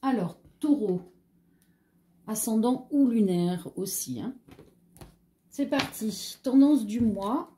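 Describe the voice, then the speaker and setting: A woman with a French accent talks slowly through a casual tarot reading, pausing on fillers and drifting into chatty asides. Her voice is mellow and soft-edged, with a slight frog in her throat. The delivery is unhurried and conversational. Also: fairly high pitch, lively intonation. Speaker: tarot card reader.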